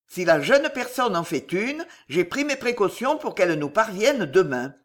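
A woman's voice: medium pitch, sing-song, moderate pace. A cautious male servant, respectful and careful with his words, as a woman reader voices him. His storybook lines keep a moving, varied intonation. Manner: deferential, careful.

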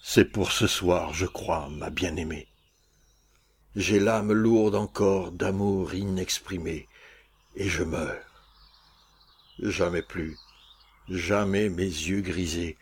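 A dying, proud swordsman-poet, as voiced by a man speaks in low, slow verse for a stage play. His voice is gravelly and husky. Each line comes out unhurried and solemn. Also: expressive, full character voice. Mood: tender. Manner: solemn, measured verse delivery. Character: dying aging male swordsman-poet, proud, secretly in love.

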